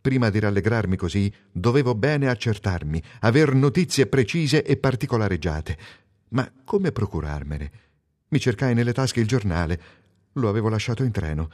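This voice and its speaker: A man reading a novel aloud in the first person, dramatic and expressive, slowing down to linger on key words. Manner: expressive, sweeping pitch swings. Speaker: narrator.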